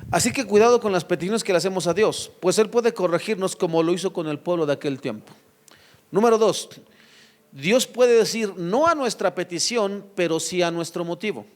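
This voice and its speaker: A man preaching a sermon to his church, firing rhetorical questions at the congregation and addressing them directly. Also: high voice. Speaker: pastor.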